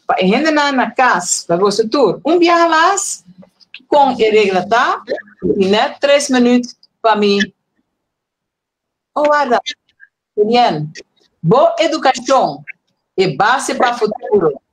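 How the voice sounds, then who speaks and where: A woman's voice: fairly high pitch, slightly rough, rough recording. A woman hosting an online event, casually reading out viewer messages and short poems and counting their syllables aloud. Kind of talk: casual live-stream chat.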